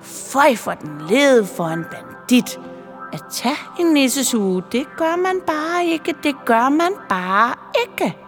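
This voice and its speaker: A woman voicing a sly male Christmas elf who teaches mischief, gleeful and cackling, drawn out and slow. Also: high-pitched, big pitch swings, voice pushed up. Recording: long reverb with music behind.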